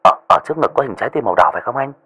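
A man's voice: mid-range voice, animated, very fast, bright, forceful tone, slightly rough, soft background music, pitched above the performer's own voice. A man voicing a hesitant young gang underling who stammers on the phone.

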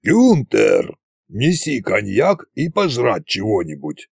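A man voicing a weary, unbothered old tsar in an audiobook, with a tired drawl and gravelly, husky tone. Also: lowish voice, wildly swooping pitch, slow, no echo, studio quality, exaggerated voice.

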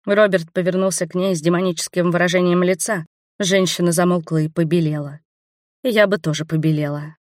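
A woman narrating a first-person fantasy audiobook in a lively, expressive way. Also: on the low side, a little fast, dry recording, studio quality.

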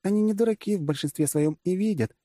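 A man's voice: sits high, fast, warm tone, dry recording, studio quality, voice pushed up. Man voicing a sarcastic older woman generalissimo. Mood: lecturing. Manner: sarcastic, blunt, crude. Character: gruff mocking female generalissimo, older.

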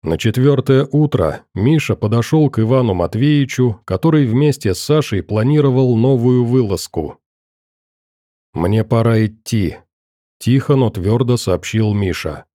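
Dark-voiced male audiobook narrator. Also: medium pitch, animated, normal speed, hardly any pauses, dry recording, studio quality.

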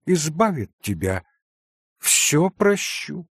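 A spiteful, proud young woman who speaks slowly and poisonously, as a male narrator puts her on. The voice stays low for a woman, husky and dry. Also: sing-song, no room sound, full character voice. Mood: scornful. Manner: slow, poisonous delivery.

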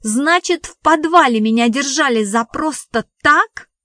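A woman voicing a theatrical, indignant wife who talks loudly in exclamations, as an audiobook dialogue reading. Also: a little high, expressive, unhurried, no room sound, clean studio sound. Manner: loud, exclamatory.

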